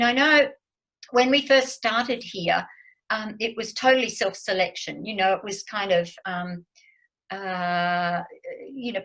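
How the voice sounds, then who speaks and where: A woman's voice: medium pitch, fairly bright tone, low-quality recording. A woman in her seventies chats as a guest over a video call. She talks hesitantly, with many fillers and false starts. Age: 70s. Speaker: guest speaker. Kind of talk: casual chat on a video call.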